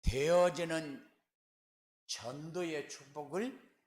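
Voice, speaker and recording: Slow, emphatic preacher in an echoey church. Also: male voice, fairly high pitch. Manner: rhetorical questions answered with firm repeated refrains; emphatic swells in loudness on key words. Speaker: pastor. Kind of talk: sermon. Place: church sanctuary.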